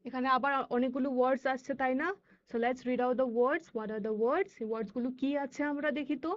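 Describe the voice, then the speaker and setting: A woman English teacher with a Bengali accent and Bengali as her first language, teaching children, reading words slowly and deliberately with quicker asides. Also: high voice, fairly even intonation, muffled recording. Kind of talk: classroom lesson for children.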